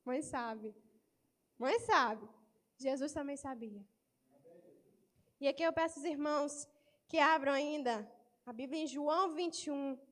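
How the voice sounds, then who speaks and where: A woman's voice: high-pitched, unhurried, pauses often, fairly bright tone. A woman preacher giving a church sermon, acting out the dialogue of biblical scenes. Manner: acts out Bible dialogue in varied voices.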